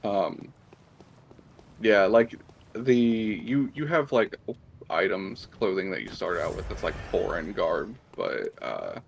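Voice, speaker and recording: A man's voice: low voice, sing-song, slow, creaky, slight background noise. A man casually talking through his video game play, explaining things in a rambling way with lots of fillers. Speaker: gameplay co-host. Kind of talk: casual let's-play chat.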